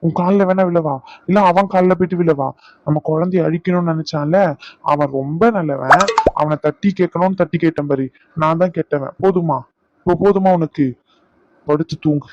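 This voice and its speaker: A man's voice: fairly high pitch, fairly even intonation, dull audio, close to an everyday voice. A man voicing a hot-tempered young cartoon husband. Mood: pleading. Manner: blunt, quick to anger, then pleading. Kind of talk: cartoon voice acting.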